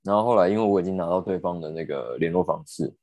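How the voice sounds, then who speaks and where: Deep-voiced man telling a story. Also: fast talker, dry recording. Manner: animated, indignant, swears casually. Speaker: podcast host. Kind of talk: casual storytelling.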